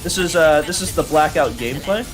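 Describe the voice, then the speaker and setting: A young adult man streaming a video game, talking in an excitable, rambling way with many fillers and restarts as he plays. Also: on the high side, a little fast, over music. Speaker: gaming streamer. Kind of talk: live gameplay commentary.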